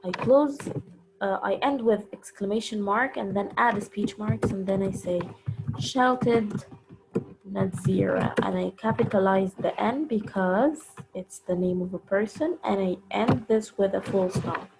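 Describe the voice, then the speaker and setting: A woman teaching punctuation in a recorded lesson, explaining each step slowly and carefully. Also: mid-range voice, gravelly, background noise. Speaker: English teacher.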